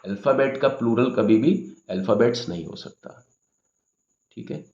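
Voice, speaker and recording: Male grammar teacher, gravelly voice, patient explaining, muffled lo-fi sound. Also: mid-range voice, normal speed, darkish tone. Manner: explains patiently in Hindi with English terms, often asks "okay?".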